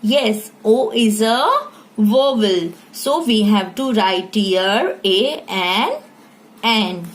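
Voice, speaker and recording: A woman teacher with an Indian English accent, who talks slowly and spells out letters and asks questions as she walks through a beginner English lesson. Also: mid-range voice. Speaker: primary school English teacher. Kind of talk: slow classroom lesson.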